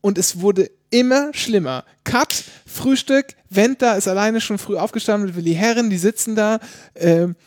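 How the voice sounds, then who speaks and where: High-voiced man, animated storytelling. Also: normal speed, no echo, studio quality. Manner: animated storyteller, quotes people in lowered mock voices. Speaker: podcast co-host. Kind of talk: casual chat, retelling reality TV scenes.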